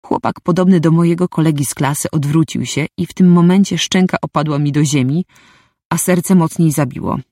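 A woman's voice: sits low, a little fast, mellow, no echo, studio quality. A woman reading a first-person story aloud, with a wry, inner-monologue manner. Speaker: audiobook narrator.

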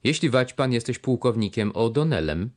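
A man's voice: medium pitch, lively intonation, normal speed, a little mellow, lightly acted. Man doing a curt, hot-tempered noble colonel. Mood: impatient. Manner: cold, curt and impatient.

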